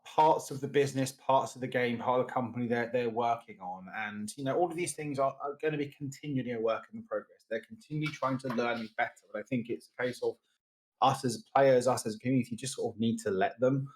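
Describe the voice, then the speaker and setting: A man's voice: medium pitch, steady tone, fast, poor audio. A man co-hosting a casual podcast, laid-back and blunt, swearing now and then. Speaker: podcast co-host. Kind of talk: casual chat about a card game community.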